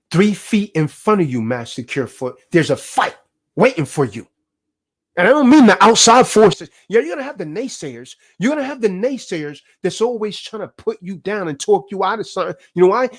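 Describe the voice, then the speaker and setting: A man's voice: high-pitched, husky. A man giving a fiery, preachy lecture, full of emphatic rhetorical questions. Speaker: speaker teaching about contracts.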